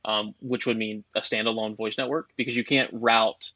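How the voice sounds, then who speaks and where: A man's voice: lowish voice, little pitch movement, moderate pace, pushed and bright, no room sound, dull audio. A man talking as a guest expert on a podcast, explaining technical details at length in a chatty, casual way.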